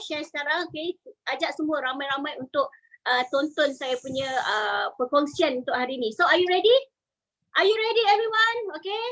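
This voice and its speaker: A woman in her forties with a Malaysian Malay accent, a salon owner giving an energetic live-stream talk and urging her viewers to join in, with English phrases mixed in. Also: high voice, dull audio. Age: 40s. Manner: energetic, urges the audience, mixes in English phrases.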